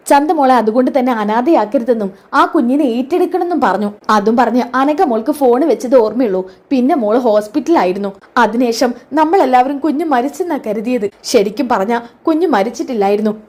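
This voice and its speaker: A woman playing a protective middle-aged housemaid in a storybook-style serial recap. She sounds guarded and scolding, her voice sitting fairly high. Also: darkish tone.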